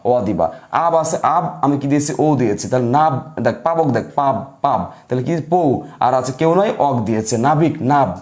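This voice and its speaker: A man's voice: a little high, a little mellow. A man teaching an online grammar lesson, repeating each point and quizzing his students.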